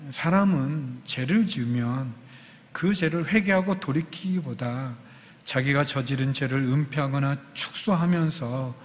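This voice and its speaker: A middle-aged male pastor preaching a sermon, telling a personal story and then urging his listeners with growing fervor. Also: medium pitch. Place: church sanctuary. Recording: church hall reverb.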